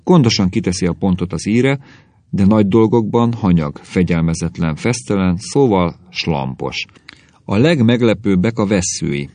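A man's voice: sits low, animated, darkish tone, dry recording. A man voicing a scornful, bitter middle-aged husband who lectures and sneers, in an audiobook reading. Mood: lecturing.

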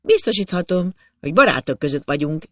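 A man's voice: fairly high pitch, big pitch swings, bright, forceful tone, no echo. A man doing a courteous dinner host. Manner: courteous, reassuring. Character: polite male host of a dinner.

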